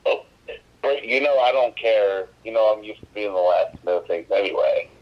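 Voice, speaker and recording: A man's voice: lowish voice, normal speed. A man chatting casually on a lo-fi phone call with a relative, wry and joking. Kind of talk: casual chat.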